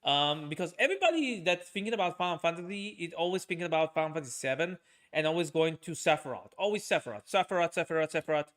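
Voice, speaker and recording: A man's voice: on the high side, expressive, quick pace, a bit bright. Rambling man with a raised voice. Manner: rambling, many fillers and restarts. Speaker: streamer and podcast host. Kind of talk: casual chat.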